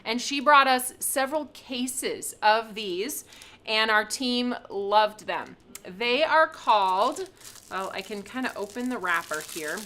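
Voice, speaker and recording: A chatty woman hosts a live craft reveal, walking viewers through each item in an upbeat way. Her voice sits a bit high and sounds very bright, and she laughs easily. She is close to the mic. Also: lively intonation, takes it slowly. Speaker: craft shop host.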